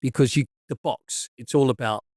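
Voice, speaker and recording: Middle-aged podcast co-host, chatty film buff, dry close recording. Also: male voice, medium pitch, moderate pace, darkish tone, no echo. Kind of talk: casual chat.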